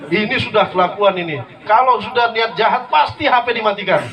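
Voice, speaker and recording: A man preaching with a somewhat high, lively voice, mixing jokes into his story. He slips into the voices of the people he tells about. The murmur of a live audience sits clearly behind him. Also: brisk, far from the mic, some chatter behind, poor audio. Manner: lively, jokey, acts out quoted voices. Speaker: guest preacher. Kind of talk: humorous sermon storytelling. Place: religious gathering before an audience. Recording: live audience noise audible.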